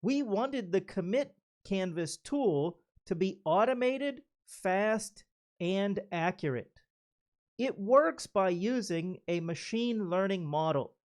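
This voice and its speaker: A man's voice: high voice, darkish tone. Man giving a carefully enunciated lightning talk. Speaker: conference speaker. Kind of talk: prepared lightning talk presentation.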